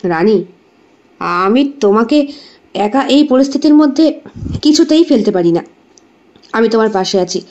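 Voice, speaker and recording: A woman's voice: on the high side, animated, normal speed, pauses often, darkish tone, natural voice. A woman voicing a caring young male doctor in an audio story, earnest and reassuring. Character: young man, caring doctor, devoted suitor. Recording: dull lo-fi recording.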